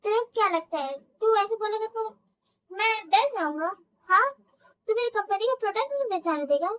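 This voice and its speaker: A woman's voice: extremely high pitch, expressive, normal speed, fairly bright tone, low-quality recording. A woman playing a bossy young company boss. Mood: commanding.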